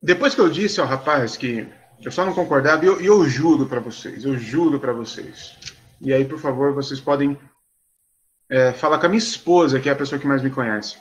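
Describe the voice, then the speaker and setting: A man, a pastor telling a story to a live online audience in an animated, sarcastic way. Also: medium pitch, fairly quick, lo-fi sound.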